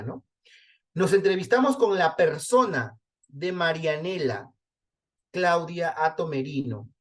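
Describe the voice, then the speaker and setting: A man's voice: a little high, darkish tone. A man from Peru giving a spoken lesson on legal writing, correcting common phrasing in an emphatic way, checking in with "¿no?" and running through lists of examples. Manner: emphatic, corrective, rhetorical questions with "¿no?".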